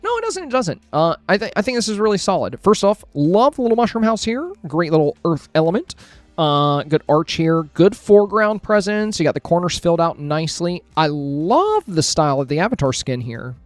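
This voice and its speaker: A man's voice: a little high, lively intonation, normal speed, no room sound. A man streaming a casual review of game screenshots, friendly and thinking aloud with plenty of fillers and restarts. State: hiccuping, with a headache.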